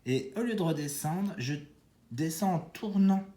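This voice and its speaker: A man's voice: fairly high pitch, expressive, mellow. Man, teacher, remote lesson for young kids, step-by-step handwriting guidance, encouraging, echoey room. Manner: slow, step-by-step guiding, encouraging. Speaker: kindergarten teacher.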